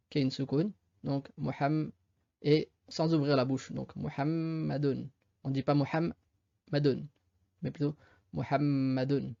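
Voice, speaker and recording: A man teaching how to read, patiently spelling out words and repeating each one slowly. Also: a little high, darkish tone, dry recording. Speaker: Arabic reading teacher. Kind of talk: step-by-step reading lesson. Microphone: USB desk microphone. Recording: dry, slightly dull home recording.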